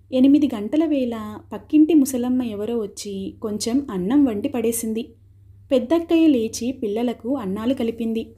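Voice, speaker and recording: A woman reading a story aloud as an audiobook, steady and expressive, softly voicing the characters' dialogue. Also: on the high side, breathy edge.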